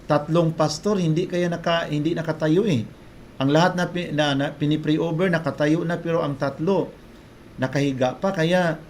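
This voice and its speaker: A fairly high-voiced man preaches a testimony in an earnest storytelling voice. He often breaks off and restarts mid-phrase. A faint hiss sits behind his voice.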